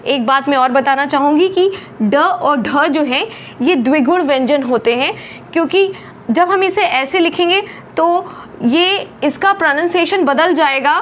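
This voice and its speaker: A woman teaching a phonics lesson, slowly over-articulating each letter sound. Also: sits high, a little hiss or hum. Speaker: Hindi teacher.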